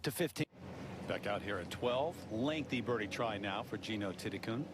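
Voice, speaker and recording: A man's voice: lowish voice, expressive, normal speed, noisy background. A man anchoring golf commentary for a broadcast in short, clipped phrases. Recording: loud music under broadcast commentary.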